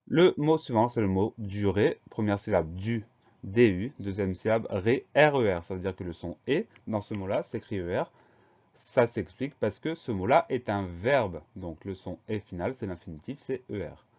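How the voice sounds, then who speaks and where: A man teaching a spelling lesson, spelling each word letter by letter in a slow, deliberate way. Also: on the low side, darkish tone. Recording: dull lo-fi recording.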